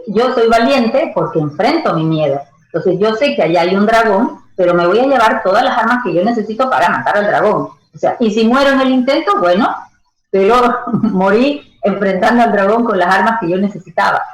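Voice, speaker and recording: A woman's voice: mid-range voice, echoey room, rough recording. A woman giving expert advice as a radio interview guest, explaining with everyday analogies. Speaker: stress management educator.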